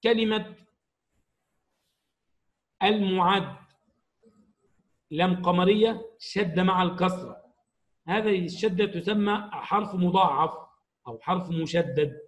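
A man teaching an Arabic grammar lesson to young pupils, explaining slowly and stressing each example word. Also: sits high, rough recording.

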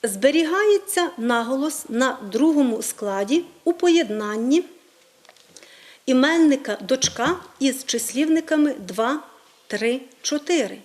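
High-voiced woman presenting a language lesson. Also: lively intonation. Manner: clear, deliberate, lists example words one by one. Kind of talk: scripted educational presentation. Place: studio.

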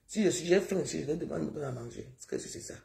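A woman's voice: low voice, lively intonation, fast, creaky, mellow. A middle-aged woman from Cameroon, talking in a rambling, pleading live-stream monologue that repeats itself.

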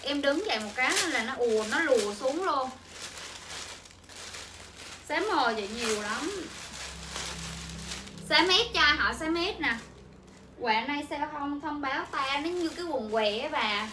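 Young woman hawking clothes on a livestream, high bright voice, echoey room. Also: animated, unhurried, pauses often. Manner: chatty, repetitive sales patter to viewers. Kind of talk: livestream selling chat. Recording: echoey room with faint ambient noise.

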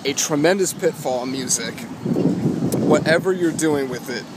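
A man's voice: fairly high pitch, normal speed. Young New man, noisy street. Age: 20s. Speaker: guitar vlogger. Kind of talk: casual advice vlog. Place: outdoors walking along a city street. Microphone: phone at arm's length, wired earbuds in. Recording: loud wind and street noise on phone mic. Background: wind, traffic, urban ambience.

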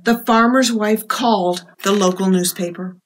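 At a young children's storytime in a small room, a woman in her fifties reads aloud with an expressive, deliberate manner. Her voice sits at a medium pitch.

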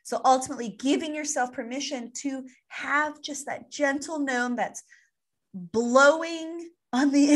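A woman's voice: a little high, a bit bright. A woman co-hosting a podcast who explains ideas playfully with vivid analogies. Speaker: podcast co-host. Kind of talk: casual explanatory chat.

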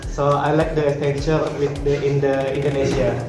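A man's voice: mid-range voice, completely flat delivery, brisk. A man in his twenties from West Borneo, introducing himself and searching for words. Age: 20s. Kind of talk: casual self-introduction in English. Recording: echoey room, far mic, music and chatter.

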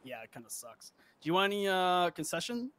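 A man in casual in-character role-play chat, halting and full of fillers, swearing offhandedly. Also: high-pitched, very animated, a bit bright. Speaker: role-play player on a date.

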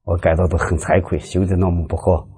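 A man's voice: sits low, little pitch movement, a little fast, dark tone, husky. A man giving a storytelling Buddhist talk, animatedly acting out the dialogue of his stories. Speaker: lay Buddhist speaker.

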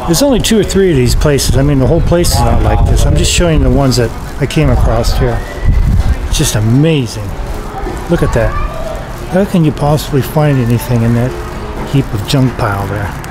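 A man's voice: medium pitch, lively intonation, normal speed, music in the background, rough recording. A man casually narrating as he films his walk through an indoor flea market, making wry remarks. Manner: chatty, wry remarks while filming. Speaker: vlogger touring a flea market.

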